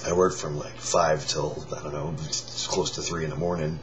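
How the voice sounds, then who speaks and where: A tired man, a band singer and vlogger, has lost his voice and forces air through a strained throat, producing a raspy, breathy, whisper-like croak. His rumbling low voice stays level as he chats to viewers in a halting, rambling way. The lo-fi recording sounds dull with faint noise.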